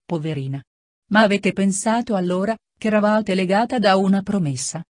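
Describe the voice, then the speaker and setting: A woman reading an audiobook, voicing an old, frail and kindly male friar with a grave, gentle manner. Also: mid-range voice, fairly quick, dry recording, clean studio sound, close to an everyday voice.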